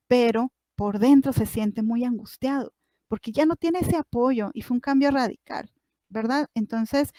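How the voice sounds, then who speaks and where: High-voiced woman coaching parents. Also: no echo. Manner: warm coaching tone, addresses parents directly with rhetorical questions. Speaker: psychologist giving a parents' talk. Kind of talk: school parent workshop talk.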